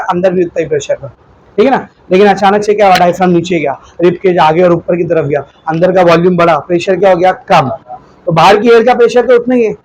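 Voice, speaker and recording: A man's voice: high-pitched, darkish tone, rough recording. A male biology teacher giving a classroom lecture in a mix, asking questions and having the class answer back. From India. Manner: drills students with call-and-response questions.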